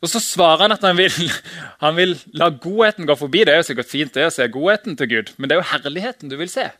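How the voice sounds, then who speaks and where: A man's voice: fairly high pitch, animated, dry recording, studio quality. A man giving an informal, chatty sermon, laughing now and then and acting out the quotes he reads. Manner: casual, chatty, laughs often, acts out shouted quotes. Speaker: preacher.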